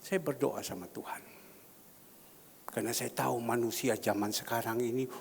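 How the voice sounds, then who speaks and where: A middle-aged man preaching a sermon as pastor, swinging between loud exclamations and hushed whispers. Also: mid-range voice, fairly even intonation, a little fast, creaky, slight background noise. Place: large church hall. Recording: long church reverb.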